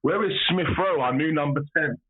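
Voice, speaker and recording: A man's voice: a little high, a little fast, husky. A man calling in, a dramatic and despairing football fan chatting casually. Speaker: caller. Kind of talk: casual football chat over a phone call. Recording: tinny phone line.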